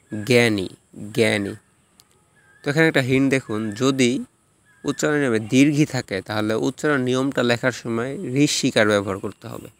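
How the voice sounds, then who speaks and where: A man teaching a recorded lesson, reading out rules and repeating example words slowly and carefully. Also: mid-range voice. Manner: slow, drawn-out repetition of example words.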